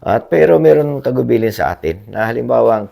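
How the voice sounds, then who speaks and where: A man vlogging in a casual, rambling chat to his viewers, hoarse from a cough, politely tagging his sentences with little questions. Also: medium pitch, expressive, brisk, mellow. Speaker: blogger reading viewer comments. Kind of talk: casual livestream-style chat.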